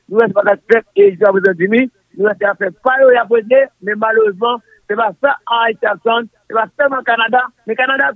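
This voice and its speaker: A man's voice: extremely high pitch, no echo. A man talking politics on a call-in show, repeating himself and speeding up as he stumbles over words. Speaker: political commentator. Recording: dull, dry lo-fi audio.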